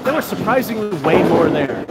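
A man's voice: very animated, normal speed. A man streaming live from a bowling alley, giving wry, self-deprecating commentary on his own frames. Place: large indoor bowling alley. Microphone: phone or camera behind the lanes. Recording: noisy bowling alley ambience. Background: loud rumbling alley noise.

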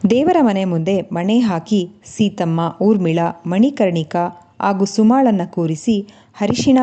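A woman host narrating a scripted family story in calm, steady instalments. Her voice sits low and sounds mellow and relaxed.

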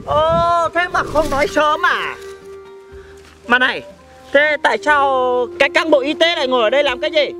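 Brief: performer as a boastful young village man in a comedy sketch, high and loud. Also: normal speed, faint music behind. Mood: teasing. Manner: loud, clowning, laughs at own jokes. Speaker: comic lead.

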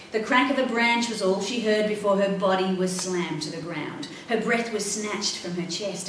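Seated at a table in a library room, a middle-aged author dramatically reads aloud from her children's adventure novel in a medium-pitched, expressive voice. The room echoes, the mic is distant, and there is faint noise.

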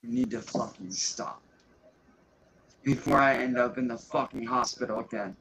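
On a livestream, a man with a medium-pitched, fairly bright voice rants angrily at normal speed, swearing heavily and leaning on threatening emphasis. The stream audio is dull and lo-fi, with a faint hiss.

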